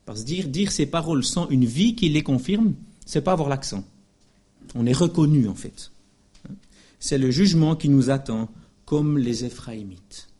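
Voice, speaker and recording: A man preaching a sermon in an emphatic, lively way, often adding little asides and short laughs. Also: on the high side, moderate pace.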